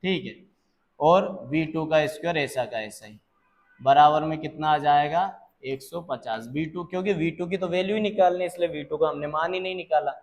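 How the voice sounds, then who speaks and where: A man tutoring physics, slowly working through exam problems and checking that students follow. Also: fairly high pitch. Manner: calls students "beta", checks understanding; slow, deliberate explaining.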